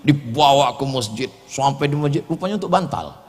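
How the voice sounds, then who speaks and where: A man preaching a sermon in an animated, joking way, his voice jumping sharply in pitch and loudness. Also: brisk, background noise. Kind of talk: humorous sermon. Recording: long hall reverb.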